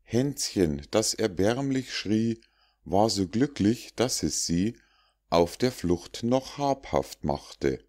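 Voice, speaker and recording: A man narrating an audiobook of rhymed fables in a measured, rhythmic reading. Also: lowish voice, big pitch swings, a little mellow.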